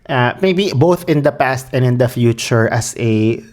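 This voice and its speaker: A man's voice: medium pitch, lively intonation, measured pace, darkish tone. A man from the Philippines with a Filipino accent, co-hosting a podcast in casual chat, joking and switching between Tagalog and English. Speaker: podcast co-host.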